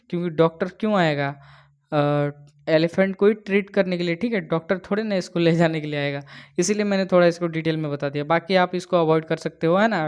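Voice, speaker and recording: A man's voice: high voice, clean tone. A male teacher walking students through exam questions, mixing Hindi and English and checking in after nearly every line. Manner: chatty, keeps checking "ठीक है", "है ना". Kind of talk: exam-prep lesson in Hindi-English mix.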